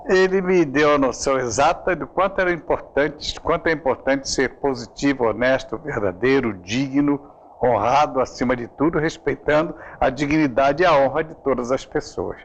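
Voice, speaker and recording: A man's voice: medium pitch, normal speed, dull audio. A man, a veteran reporter, answering in a live TV interview, earnestly listing values. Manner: earnest, lists values with weight.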